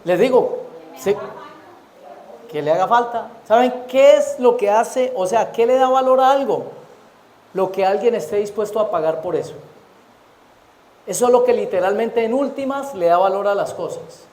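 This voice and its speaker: In an echoey church hall with a little hiss or hum, a Colombian pastor delivers his sermon at normal speed, his high, darkish voice expressive and broken by long pauses. Rhetorical questions to the congregation come often, and he waits for answers.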